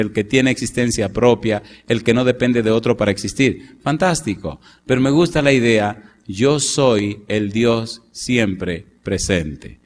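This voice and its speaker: A man's voice: mid-range voice, in a large hall, a little hiss or hum. A man preacher delivering a sermon, asking his listeners questions as he teaches. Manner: animated, asks the audience questions.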